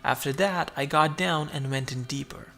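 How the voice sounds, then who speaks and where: A man's voice: on the high side, normal speed, creaky, a bit bright, soft background music. A man narrating his own survival game playthrough, chatty and explaining each move as he goes. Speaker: gameplay narrator.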